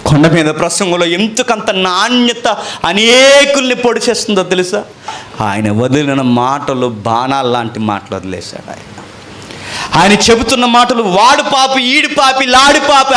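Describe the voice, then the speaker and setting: A male preacher with a somewhat high voice delivers a sermon. He swings from raised, emphatic passages to low, hushed ones, piling on repeated phrases and rhetorical questions.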